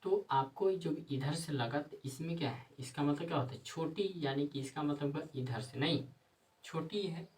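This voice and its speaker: A man teaching a grammar lesson, repeating himself and answering his own questions, sometimes dictating slowly word by word. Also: fairly high pitch, far from the mic, low-quality recording.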